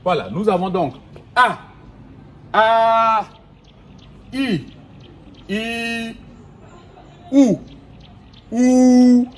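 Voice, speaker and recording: Slow, deliberate man teaching vowels. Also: high-pitched, a bit bright. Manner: slow, deliberate, repeats vowels and example words. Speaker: language teacher. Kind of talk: recorded language lesson. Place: outdoors in the sun.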